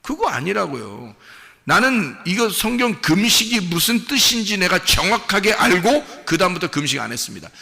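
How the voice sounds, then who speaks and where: A male pastor preaching a sermon in a church, emphatic, swinging from hushed asides to shouted lines. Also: high voice, big pitch swings, moderate pace, creaky, in a large hall. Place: church sanctuary.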